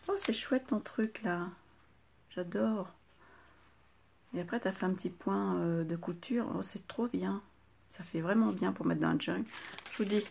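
Gravelly older woman gushing over crafts. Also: fairly low pitch, slight background noise. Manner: chatty, gushing exclamations over each item. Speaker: craft video host. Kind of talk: casual unboxing chat to viewers.

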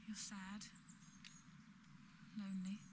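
A woman's voice: medium pitch, little pitch movement, slow, very noisy, close to an everyday voice. A woman playing an exasperated, defiant stalking victim in a drama, blunt and dismissive. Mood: scornful, dismissive. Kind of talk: dramatic dialogue acting.

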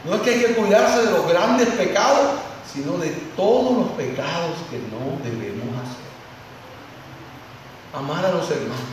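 A male pastor with a high voice preaches, lively and speaking directly to his congregation. His words ring around a large church hall, caught from far off, over a faint hiss. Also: a little slow. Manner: lively, acts out congregants, addresses listeners directly. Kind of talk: sermon.

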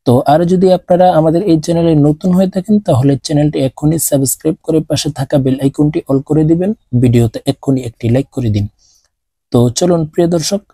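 A man teaching Quran reading step by step, drawing out each letter sound in slow drills. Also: mid-range voice, warm tone, husky, dry recording. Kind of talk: step-by-step recitation lesson.

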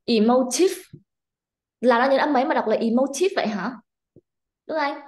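A woman's voice: sits high, fast talker. A Vietnamese woman, an English teacher, drilling a student's pronunciation with strict, corrective remarks in a one-on-one lesson. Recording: echoey room.

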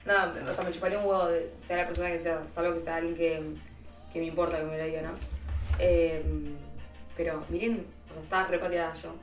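A woman's voice: lowish voice, little pitch movement, fairly quick, distant mic. Argentine woman streamer, slangy and chatty, roomy echo, faint music behind. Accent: Argentine Spanish. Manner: slangy, chatty, laughing at herself. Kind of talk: casual storytelling to stream chat.

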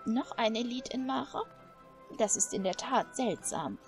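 A woman voicing a stern, protective elderly woman in a game, speaking slowly and gravely. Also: on the high side, lively intonation. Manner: stern, scolding, slow and weighty. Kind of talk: game dialogue read aloud. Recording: faint music behind.

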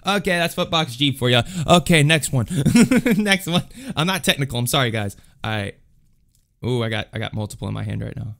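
A man's voice: medium pitch, steady tone, fast, gravelly, pushed and bright. Casual, foul-mouthed male beatbox vlogger. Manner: loose, chatty and swears freely. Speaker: beatboxer vlog host. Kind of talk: casual vlog chat.

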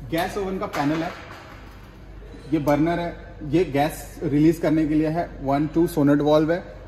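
Here the young bakery equipment seller's higher voice carries a dark tone as he explains things step by step, repeating and restarting a lot. It's a casual product demo in an indoor workshop with ovens, where the room echoes and a faint hum lingers.

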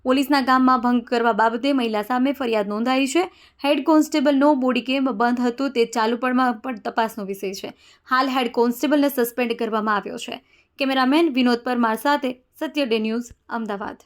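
A woman reading a scripted news report briskly, as a reporter. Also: a little high.

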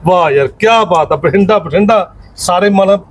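Teasing high-voiced man. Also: moderate pace, a little hiss or hum. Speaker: actor in a village comedy skit. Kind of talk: scripted rural skit dialogue.

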